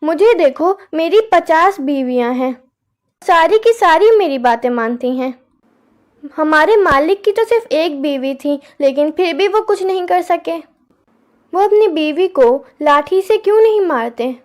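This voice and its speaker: A proud storybook rooster who brags and scoffs at his master, his voice high and bright, as a woman puts him on. He sounds full of himself. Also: expressive, a little slow. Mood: scornful. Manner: boastful, scornful. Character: boastful male rooster with fifty wives.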